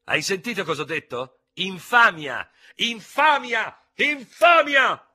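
A man voicing a small, hot-tempered Gascon hussar lieutenant who shouts and hisses in fury. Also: medium pitch, lively intonation, brisk, breathy edge, voice pushed up. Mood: raging. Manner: shouting, hissing, ranting. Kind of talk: audiobook character reading.

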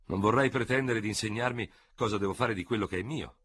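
A man voicing an angry, stubborn old general in a radio audiobook, shouting with indignation. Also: lowish voice, fast talker, slightly rough, voice pushed up. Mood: sullen.

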